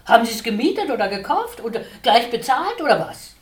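A woman voicing an insolent little male sparrow, dry and sneering, bouncing between low and high notes with cocky ease. The voice comes from some distance in an echoing room. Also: very animated, fairly quick. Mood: mocking. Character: cheeky mocking male city sparrow. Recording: roomy, distant mic.

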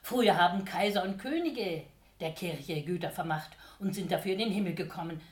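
A woman's voice: a little fast, reverberant, natural voice. A woman voicing a scheming, fawning male Devil who talks like a wheedling salesman, in a read-aloud story. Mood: smug. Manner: wheedling, theatrical, swings between whining and eager pitching.

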